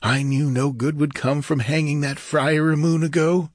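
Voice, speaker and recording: A man's voice: on the high side, level tone, normal speed, no echo, studio quality, pitched above the performer's own voice, natural voice. A man voicing a fearful, superstitious bandit who speaks gloomily in an audiobook reading. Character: frightened, superstitious male bandit.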